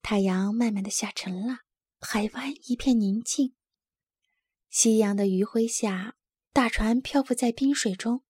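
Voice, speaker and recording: Breathy woman reading a children's story. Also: on the high side, a little slow, no echo, studio quality. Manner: voices characters with lively lifts and soft hushed asides.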